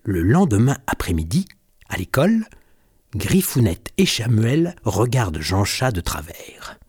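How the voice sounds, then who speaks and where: A storyteller reading a children's story aloud with slow, expressive delivery. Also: medium pitch, breathy edge.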